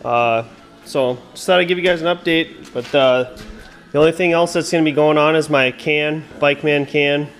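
A man's voice: a little high, soft background music. A young man from Minnesota walking through the upgrades on his snowmobile in a garage workshop, talking casually with lots of fillers and recorded on a head-mounted action camera. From Minnesota, USA. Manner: relaxed and unhurried, many "uh" and "um" fillers. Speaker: snowmobile vlogger.

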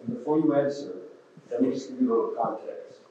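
A man's voice: mid-range voice, fast talker, warm tone, lo-fi sound. Distant, echoey man asking from the audience. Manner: earnest, long-winded question. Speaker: audience member asking a question. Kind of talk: question from the audience. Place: museum auditorium. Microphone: far from the mic. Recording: distant, echoey hall audio.

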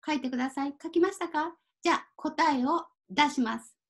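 A woman teaching a Japanese kanji reading lesson, speaking slowly and carefully, mixing in simple English explanations. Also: high voice. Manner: apologizes and laughs at her own typo.

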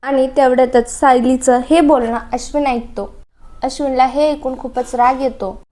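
A woman retelling the story of a TV serial in a plain, steady storytelling way. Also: high voice, normal speed. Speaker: narrator recapping a TV serial. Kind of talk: storytelling recap.

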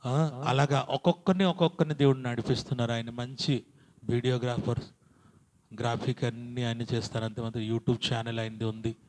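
Male pastor, church sermon, call-and-response, loud exhortation. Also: medium pitch, steady tone, fairly quick. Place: church hall.

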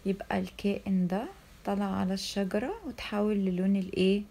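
This recorded classroom lesson features a woman with an Egyptian accent teaching Arabic to young primary pupils, posing questions and pausing mid-sentence so they can finish. She speaks quickly at a medium pitch that barely moves, her mellow voice touched with vocal fry.

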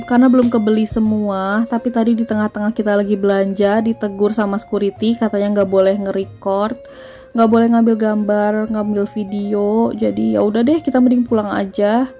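A woman's voice: mid-range voice, warm tone. A woman, chatting through a grocery haul voice-over and listing prices. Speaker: vlogger.

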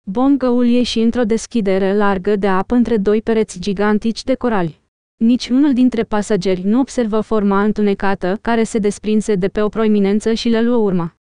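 A woman narrating an audiobook in a steady, even storytelling manner. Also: mid-range voice, smooth, no room sound, studio quality.

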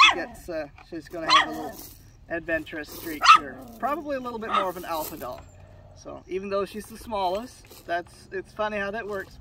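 A hoarse man, a dog breeder, presenting puppies in a fond, rambling way with many fillers and restarts. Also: sits high, far from the mic, heavy background noise. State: hoarse from sinus trouble. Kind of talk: casual on-camera puppy showcase.

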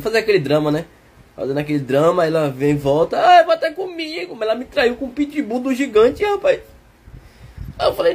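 A man voicing a brash, teasing male dog in a comic dub of animal videos, rowdy and quick to laugh. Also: very high voice, a little mellow, slightly rough, full character voice. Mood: boastful. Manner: swings between mock threats and joking.

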